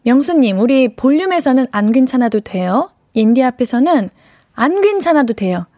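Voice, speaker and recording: A young woman hosting a radio show in a studio, reading listener messages in a playful, joking way and then softly comforting them. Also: high voice, very animated, normal speed, dry recording. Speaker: radio host. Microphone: studio microphone.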